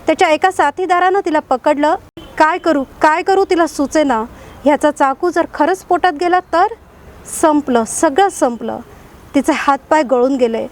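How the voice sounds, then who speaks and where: A woman storyteller giving a measured, expressive dramatic narration. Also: high voice.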